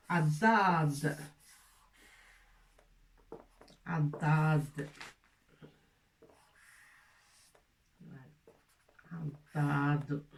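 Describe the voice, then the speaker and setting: A woman teaching a language lesson slowly and patiently, repeating each word and asking her viewers questions. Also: a little high, pushed and bright, echoey room, distant mic, slight background noise. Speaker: Arabic teacher.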